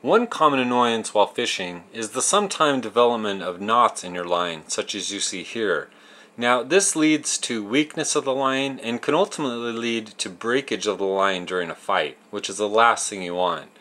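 This thirtysomething fishing-show host delivers a step-by-step how-to in plain, folksy words, his lowish voice bright and forceful with lively intonation. He keeps to a normal speed.

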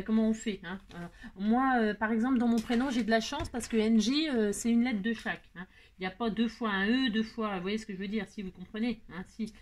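A woman hosting a scrapbooking tutorial, chatting playfully with her viewers and rambling to herself while she works. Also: on the high side. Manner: talks to herself while working, frequent filler words. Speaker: crafting channel host.

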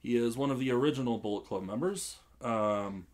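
A man's voice: mid-range voice, a little fast, darkish tone. A young man hosting a casual podcast quiz game, laughing often and filling gaps with "um". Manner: laughs often, filler-heavy. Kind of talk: casual chat.

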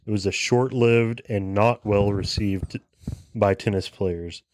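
Man, podcast co-host, lowish voice, dry close sound, calm low-key reading. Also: slow pace, no echo. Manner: calm, low-key, reads notes aloud. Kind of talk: casual chat, reading sneaker background.

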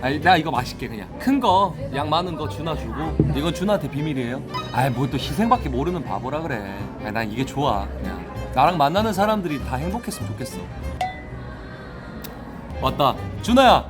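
Casting: man in his 30s, vlog host, teasing and playful, slightly high voice, music behind. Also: big pitch swings, a little fast. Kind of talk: casual chat on a date.

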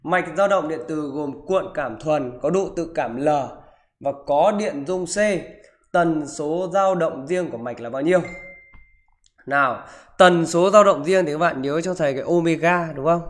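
A man's voice: on the high side, moderate pace. A man teaching physics, talking students through exam questions in a live online class and checking in with them after almost every sentence. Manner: keeps asking "được chưa?" and "đúng không?".

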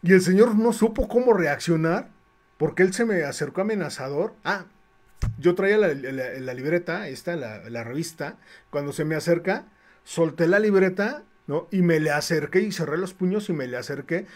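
Lively Mexican man telling a story. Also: on the high side, moderate pace. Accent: Mexican Spanish. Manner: lively and animated, with many restarts. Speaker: comic artist and livestream host. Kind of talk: casual storytelling on a livestream.

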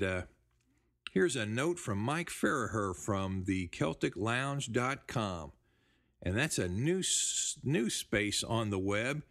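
A man hosting a genealogy show, chatting casually as he reads through listener emails, with relaxed, rambling speech. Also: on the low side. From United States. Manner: relaxed, rambling, with fillers and restarts. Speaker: podcast host. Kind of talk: casual talk reading listener mail.

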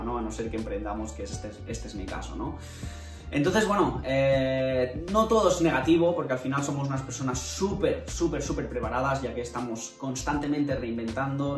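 A man's voice: mid-range voice, recorded from a distance. Young man chatting in a roomy bedroom. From Spain. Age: 20s. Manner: conversational, many fillers and tag questions. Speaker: vlogger. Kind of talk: casual talk to camera. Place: bedroom indoors. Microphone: camera at desk distance. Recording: roomy bedroom, voice a bit off-mic, faint music.

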